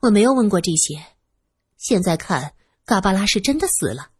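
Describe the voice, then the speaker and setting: A woman voicing a guarded young woman who talks in a brisk, dismissive way. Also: medium pitch, big pitch swings, slightly rough. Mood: offhand. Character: cool, guarded young woman, shrugging things off.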